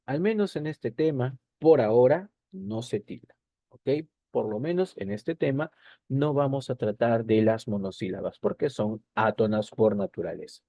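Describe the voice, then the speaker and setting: Male teacher, mellow tone, dry close sound; patient lesson delivery with repeated checks. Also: on the low side, dry recording. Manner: repeats key points with tag questions. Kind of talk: recorded language lesson over slides.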